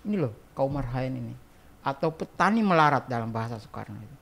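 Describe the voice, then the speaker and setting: A man's voice: medium pitch, lively intonation, quick pace, gravelly, fairly bright tone. A man guest on a casual podcast interview, explaining things in a chatty way and asking rhetorical questions. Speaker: guest archivist.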